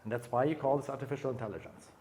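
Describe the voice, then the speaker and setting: A man's voice: medium pitch, very fast, a little mellow, a little hiss or hum. A man from Germany giving a conference talk on stage, speaking casually with many fillers and restarts. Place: conference room.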